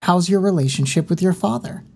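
A woman reading an audiobook, voicing a calm teenage girl who asks soft, probing questions. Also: on the low side, brisk, gravelly, breathy edge, voice pushed up. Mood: gentle.

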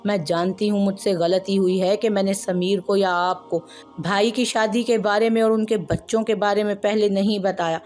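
A woman's voice: medium pitch, steady tone, normal speed, a little mellow, soft background music, lightly acted. A woman doing a tearful pleading young wife. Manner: stammering, pleading.

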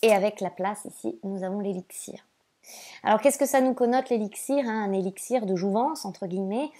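A woman giving a casual oracle card reading as a spiritual guide. She speaks in a halting, gentle and reassuring way, with many fillers and repeated words. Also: medium pitch.

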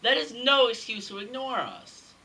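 A man's voice: very high-pitched, big pitch swings, moderate pace, pushed and bright, full character voice, poor audio. A young man playing a vain, huffy fashion snob in an amateur comedy sketch, speaking in a haughty, indignant way. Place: room in a house. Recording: home room, faint background noise.

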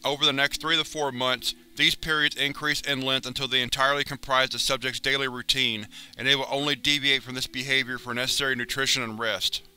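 A man reading a wiki entry aloud as a narrator, in a steady, formal, clinical way. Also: medium pitch, brisk, few pauses, smooth.

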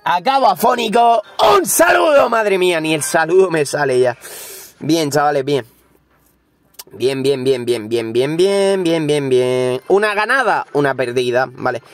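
A young man from Spain with a Spanish accent, hoarse with a cold, commenting live on his mobile game and swearing freely at viewers. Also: medium pitch, animated, a little slow, no room sound. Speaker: gaming YouTuber.

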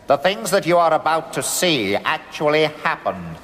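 A man's voice: a little high, big pitch swings, moderate pace, fairly bright tone, a little hiss or hum. A grandiose theatre showman. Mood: grand. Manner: theatrical, declamatory. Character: grand theatre company leader addressing the crowd. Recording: long hall reverb.

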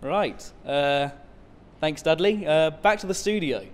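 A man's voice: fairly high pitch, slow, big-room sound. A young man playing a TV field reporter, in a parody news delivery. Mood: awkward. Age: young adult. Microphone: handheld microphone.

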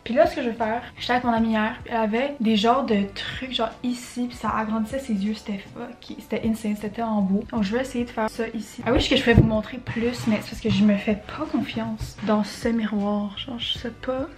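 Young Québécoise vlogger, casual get-ready chat, slangy and swears, roomy room echo. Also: female voice, a little high, steady tone, a little fast, few pauses. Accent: Quebec French. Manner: chatty, mixes in English slang and swears. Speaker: beauty vlogger. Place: at home in front of a mirror. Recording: roomy echo, faint music.

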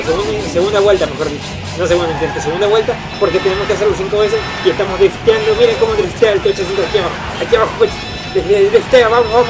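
A man giving excited commentary while playing a motion game at home, chanting repeated cheers and shouting, picked up by a camera mic at a distance. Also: high-pitched. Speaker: gamer filming himself. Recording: loud game music over voice.

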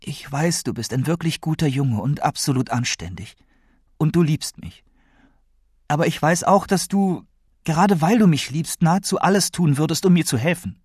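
A man voicing a worried, insistent woman who keeps questioning a boy, with a raised, husky voice. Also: a little high, lively intonation, moderate pace, a little mellow, no room sound, studio quality, voice pushed up. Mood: pleading, earnest. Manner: pleading, probing questions.

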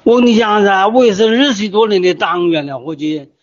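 An older man with a Wuhan accent speaks in a somewhat high-pitched voice. He is distraught and agitated, pressing his point with repeated phrases. The sound is muffled and lo-fi, like a voice message recorded on a phone. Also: fairly quick. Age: older, near retirement. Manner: agitated, insistent, repetitive pleading and warning. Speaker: resident leaving voice messages in a group chat. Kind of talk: informal voice messages.

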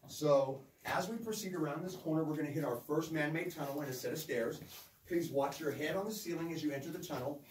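A man's voice: on the high side, fairly quick, a little mellow. A man working as a tour guide, narrating informally to a group in a folksy storytelling way with courteous directions. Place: underground cavern with narrow passages. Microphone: visitor's handheld phone, several metres away. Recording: echoey cave, distant phone mic, faint noise.

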